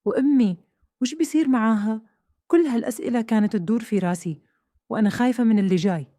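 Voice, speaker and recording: A woman with a Hejazi Saudi accent tells a tense first-person story at a brisk pace. Her tone is dark and mellow, and the recording is dry and close, with no room around her. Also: a little high, dry recording. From Saudi Arabia. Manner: tense, questioning, dramatic. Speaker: narrator.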